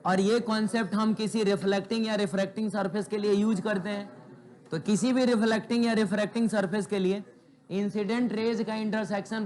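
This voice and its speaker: A man teaching physics in a classroom, asking the students rhetorical questions and telling chatty ones to be quiet. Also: high voice. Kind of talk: classroom lecture.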